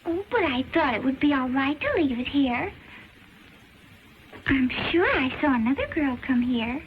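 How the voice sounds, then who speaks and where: A woman's voice: high voice, lively intonation, moderate pace. An actress playing a politely insinuating young female student in stagey old-movie style, on a very muffled, hissy 1920s soundtrack. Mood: coy, prying. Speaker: film actress. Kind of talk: stagey early-talkie 1920s movie acting.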